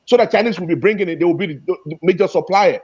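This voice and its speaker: A man with a notably high voice argues with passion, tripping over and repeating his words as he pushes his point. The audio is dull and lo-fi. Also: fast talker, a little mellow, breathy edge. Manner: passionate, repeats and restarts phrases. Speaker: guest speaker in an online discussion. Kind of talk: heated debate.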